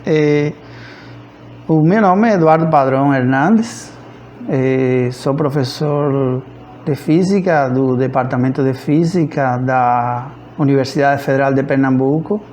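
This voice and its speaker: A physics professor of about fifty from rural central Cuba, a native Spanish speaker with a Cuban accent, informally recounts his own life. He talks hesitantly, searching for words, at a measured pace. His mid-range voice has a darkish tone, with a little hiss or hum in the background.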